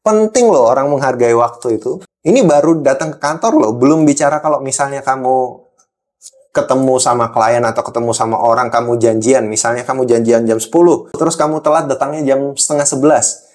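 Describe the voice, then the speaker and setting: A man's voice: mid-range voice, fairly quick, darkish tone, lightly acted. A man from Java playing an angry boss who scolds and lectures a young employee in a role-played monologue, repeating points for emphasis. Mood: stern, scolding.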